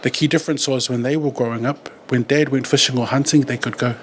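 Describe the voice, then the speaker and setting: A man talks things through in a candid, reflective way. His voice sits at a middle pitch, and he often circles back to find the right words. Faint background noise hums under the conversation. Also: fairly even intonation, fast talker. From New Zealand. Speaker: podcast guest, community worker.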